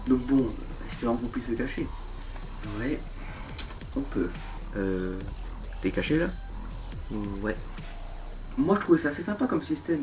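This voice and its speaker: A man's voice: a little high, darkish tone, distant mic. A young man giving casual, sarcastic commentary as the host of a horror game review show. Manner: sarcastic, mocking asides. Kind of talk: casual scripted video commentary on horror games. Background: music.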